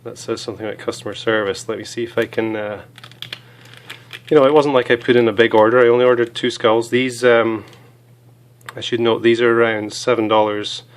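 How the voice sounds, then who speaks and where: Reviewing small pieces of gear, a man whose voice is hoarse from a cold talks fairly quickly at medium pitch with flat delivery. His tone is casual, and fillers crop up constantly.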